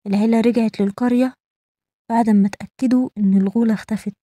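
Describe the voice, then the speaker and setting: A woman with an Egyptian Arabic accent narrating a scripted horror story in a brisk, dramatic way. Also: on the high side, fairly even intonation, mellow. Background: background music.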